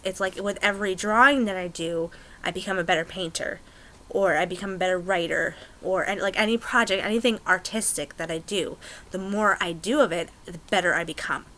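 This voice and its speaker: A young American woman chatting to camera in a rambling, excitable way, with many ums. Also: medium pitch, low-quality recording. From United States. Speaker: pagan vlogger. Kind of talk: casual chat to camera.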